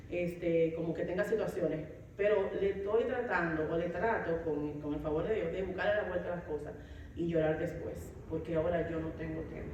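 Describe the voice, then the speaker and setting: A woman speaking at a middle pitch, telling her story as a mother in a lively, animated way and acting out what she once said. She sounds a little far from the mic, in a very echoey room with some faint noise behind her. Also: highs cut off. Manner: animated storytelling, acts out her own past words. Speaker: mother sharing a testimony. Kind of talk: personal testimony.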